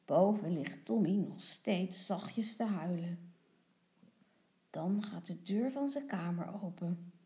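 A woman teacher reading a children's picture book aloud, softly and sometimes in a hush. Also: on the low side, slow pace. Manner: soft, hushed at times.

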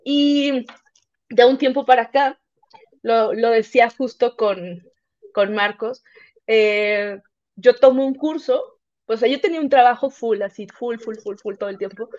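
A woman's voice: on the high side, measured pace, dry recording, dull audio. A woman with a Mexican accent, a podcast guest chatting casually and telling stories, acting out what people said. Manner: animated storyteller, acts out quoted speech. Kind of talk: casual chat.

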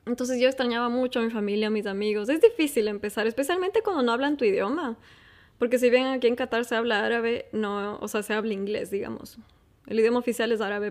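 A woman, telling her own life story in a casual, chatty way and laughing often. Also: a little high. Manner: chatty, laughs often, lively asides to listeners. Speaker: host.

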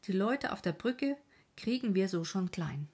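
A woman's voice: medium pitch, very animated, a little slow, darkish tone, breathy edge, exaggerated voice. A woman voicing a stern male village leader giving urgent orders in battle. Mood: commanding.

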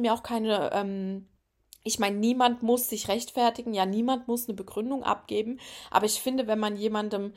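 Casting: young adult female podcast host, slightly high voice, frank and emphatic, casual monologue with lots of fillers.

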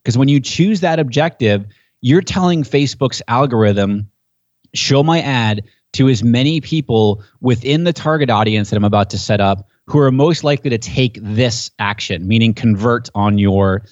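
A man's voice: mid-range voice, normal speed, a little mellow, no room sound. A man, a guest on a podcast, explaining his subject in an enthusiastic, conversational way that gets pumped up as he goes. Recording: dull, dry podcast audio.

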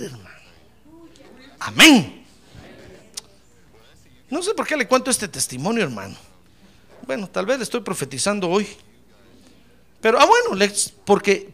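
Man preaching hard, high bright voice, gravelly edges, keeps calling out "brother". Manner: fervent, emphatic, calls the listener "hermano". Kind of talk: sermon with testimony.

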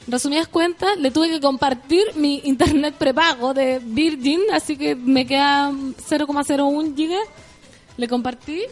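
A woman with a Chilean accent hosting a radio show, chatting loudly and playfully in slang and reading out listener messages. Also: sits high, normal speed, soft background music. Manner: loud, playful, slangy, bursts into song.

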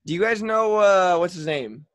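A man's voice: high voice, expressive, normal speed, dry recording. A young man co-hosting a sports podcast, ranting in an exasperated, sarcastic way. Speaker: podcast co-host. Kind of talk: casual sports podcast chat.

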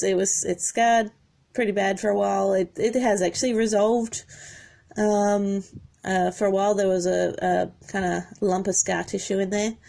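A woman's voice: mid-range voice, gravelly, mellow. A woman telling a personal story in a rambling, emotional way, with many restarts. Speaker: horse owner. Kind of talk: casual storytelling.

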